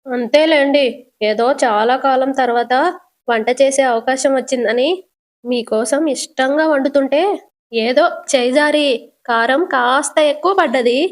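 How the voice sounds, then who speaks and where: A doting, fussy middle-aged mother-in-law, as a woman puts her on in a storytelling recap. She coaxes and scolds in a high voice, pressing everyone to eat her cooking. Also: unhurried. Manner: coaxing, scolding.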